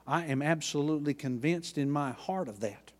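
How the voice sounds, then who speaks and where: At a moderate pace, the folksy Oklahoma pastor preaches in church, going soft and low before rising to loud moments. The acoustics suggest a big room.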